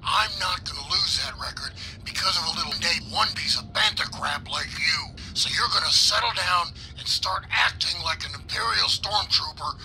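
Veteran male stormtrooper, played by a man for film: stern, weary, deliberate menace, gravelly and sharp-edged. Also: high voice, a little hiss or hum, heavily acted, poor audio.

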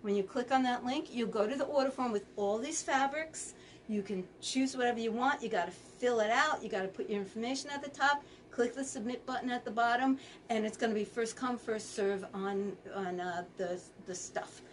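A woman's voice: fairly high pitch, normal speed, recorded from a distance, slight background noise. A woman hosting a live fabric sale, chatting casually as she reads out color names. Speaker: quilt shop host.

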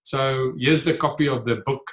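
Steady in tone and at normal speed, a mid-range male voice belongs to a South African guest in his forties, a Free State native whose first language is Afrikaans. This author and entrepreneur replies earnestly to interview questions via video call from his home office, gesturing and using lots of fillers.

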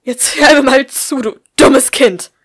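A woman voicing an angry, stressed middle-aged mother who yells shrilly at her daughter, in an audiobook reading. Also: steady tone, a little fast, no echo, clean studio sound, lightly acted. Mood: furious. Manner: shrill, yelling insults.

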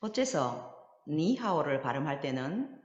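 A woman teaching Chinese, patiently modeling each word slowly and inviting learners to repeat after her. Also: sits low, big pitch swings. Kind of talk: recorded language lesson. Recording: dull lo-fi audio with long hall echo.

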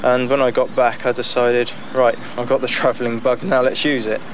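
A young man speaking casually in an interview outdoors on a boat deck, relaxed and chatty, with frequent fillers and laughs. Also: mid-range voice, normal speed. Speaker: amateur boat builder. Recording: noisy outdoor 1990s news tape.

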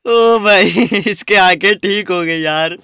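Young man, high voice, bright, reaction video host, keeps exclaiming and laughing. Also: slow, clean tone, no echo, studio quality. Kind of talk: live reaction commentary.

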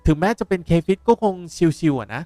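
A young man, a language teacher explaining words in a lively way while playing a game. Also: a little high, fairly quick, no room sound, studio quality, soft background music. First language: Japanese. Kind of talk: game playthrough lesson.

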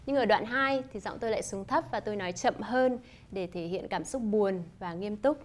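A woman teaching a lesson, explaining in a clear, measured way and demonstrating example phrases. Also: medium pitch. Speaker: English teacher. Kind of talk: scripted lesson narration.

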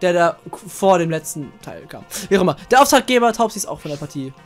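A woman's voice: lowish voice, big pitch swings, fast talker. A woman let's player reading game text aloud and commenting casually. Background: video game music.

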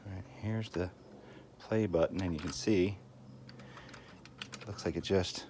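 A tinkering-channel host with a low, darkish voice speaks a little slowly during a casual, hands-on repair walkthrough. He reasons aloud in a folksy way at an indoor work table. Clicks and handling sounds come through clearly, along with background noise.

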